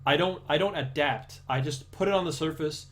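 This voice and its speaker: A young man from Denmark chats casually with viewers on a live stream, rambling with many restarts in a Danish accent that aims for American English. His pitch is fairly high and his speed normal.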